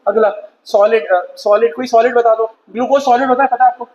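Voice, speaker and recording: A man's voice: very high voice, steady tone, brisk, darkish tone. A man teaching a chemistry class in a chatty lecture style, questioning and scolding his students. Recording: dull lo-fi sound with faint noise.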